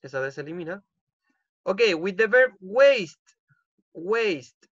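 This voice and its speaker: A Chilean-accented male English teacher runs an online class from home, restating each rule in Spanish and often checking with "ok?". His voice sits high and sounds animated and slightly bright, and he speaks slowly. The computer mic on the video call gives a dry, dull recording.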